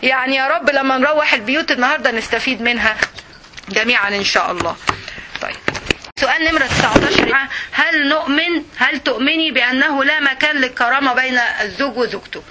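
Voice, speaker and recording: A woman with an Egyptian Arabic accent teaching a religious lesson to women, animated and often checking with her class. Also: sits high, fast, background noise.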